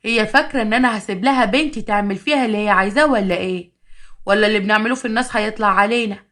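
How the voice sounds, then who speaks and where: Woman narrator doing a pushy Egyptian mom, rapid and blunt. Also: medium pitch, fairly bright tone, close to an everyday voice. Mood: scolding. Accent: Egyptian Arabic. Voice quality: bossy, blunt. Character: sharp-tongued Egyptian mother egging her daughter on.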